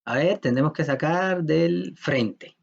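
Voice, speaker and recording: Casual lecturer, male, slightly high voice, jokey and chatty, muffled lo-fi recording. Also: slow pace, vocal fry. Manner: chatty, joking, checks understanding with "¿ya?". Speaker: programming lecturer. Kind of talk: informal classroom lecture.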